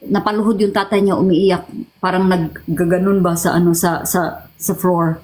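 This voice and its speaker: A middle-aged woman from the Philippines giving an emotional personal testimony as an interview guest, pausing, repeating and restarting her words. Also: lowish voice, little pitch movement, a little mellow, low-quality recording. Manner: halting, repeats and restarts words, mixes Tagalog and English.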